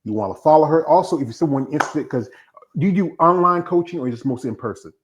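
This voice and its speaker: A man's voice: a little high, lively intonation, fast talker, slight background noise. A man in his fifties talks casually as host of a live stream. He rambles, circles back, and leaps from one tangent to another in an easy, conversational flow. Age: 50s. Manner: rambling, jumps between tangents.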